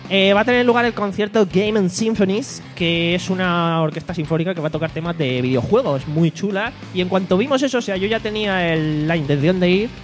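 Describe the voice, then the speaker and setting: A podcast host in a studio away from home reads out news and poll results in a playful, joking way. His voice is high and a little fast, with hardly any pauses, and faint music plays behind him.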